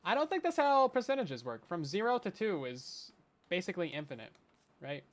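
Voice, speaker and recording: A man's voice: high-pitched, big pitch swings, normal speed. A man chatting casually with his live chat while he plays a game, playful and laughing often. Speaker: game streamer. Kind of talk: casual live-stream gameplay commentary.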